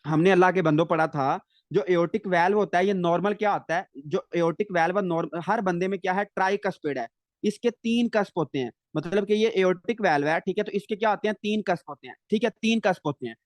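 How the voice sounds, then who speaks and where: A man giving a live medical lecture, asking questions and answering them himself, stretching key English terms slowly. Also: high-pitched, no room sound.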